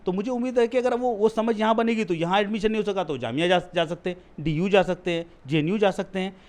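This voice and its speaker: A man in his thirties, a political candidate, arguing forcefully in a heated interview and getting loud when challenged. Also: high voice, quick pace. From India.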